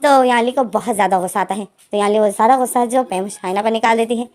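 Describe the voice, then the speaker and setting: A woman's voice: on the high side, fast, darkish tone. A woman casually retelling a fan story, linking every line with plain narration. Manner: plain retelling, frequent "so she says" links. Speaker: fanfiction storyteller.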